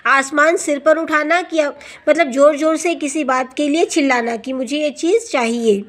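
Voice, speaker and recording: High-voiced woman teacher explaining a lesson. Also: normal speed, a bit bright. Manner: addresses students as beta, asks and answers own questions.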